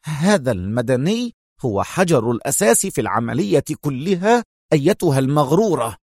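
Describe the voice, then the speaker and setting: A man's voice: on the high side, big pitch swings, moderate pace, a little mellow, slightly rough, no room sound, clean studio sound, heavily acted. Man doing a touchy young civilian man. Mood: angry.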